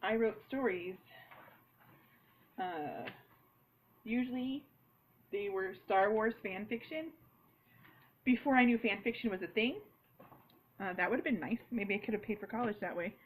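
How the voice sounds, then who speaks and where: A woman's voice: mid-range voice, rough recording. A woman author chatting casually and rambling a little as she writes, laughing at herself now and then. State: has the hiccups. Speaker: author vlogging a write-along. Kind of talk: casual chat while writing.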